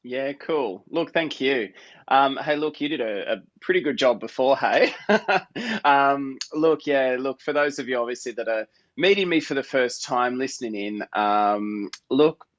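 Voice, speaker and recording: A man's voice: mid-range voice, lively intonation, a little slow. An upbeat Australian man talks casually from his home office, peppering his speech with little fillers. His voice sits in a middle register. The video call audio sounds slightly dull. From New South Wales, Australia. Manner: upbeat, chatty, many fillers like "look" and "hey". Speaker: guest entrepreneur. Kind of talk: casual interview chat.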